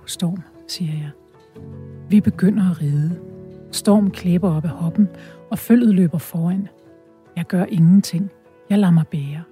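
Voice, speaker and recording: A woman's voice: on the low side, mellow. A woman author reading from her novel and talking about her writing, with frequent hesitations and restarts. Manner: hesitant, many fillers and restarts. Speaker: author and guest. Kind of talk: reading aloud from her novel and interview talk.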